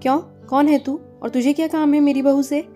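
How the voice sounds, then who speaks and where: A woman's voice: high-pitched, flat delivery, a little fast, mellow, voice pushed up, natural voice. A woman voicing a harsh, domineering middle-aged mother-in-law who taunts and scolds. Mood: scolding. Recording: faint music behind.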